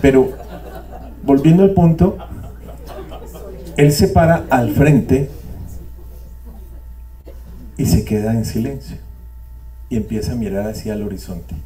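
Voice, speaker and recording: At a spiritual community gathering, an older man gives a reflective, repetitive testimony to a live audience in a meeting room, adding wry digressions. His medium-pitched, dark voice moves slowly with frequent pauses and is picked up from a distance.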